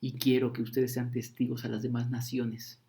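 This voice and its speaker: Animated preacher, man. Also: medium pitch, normal speed. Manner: animated, acts out crowd voices with slang. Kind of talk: sermon.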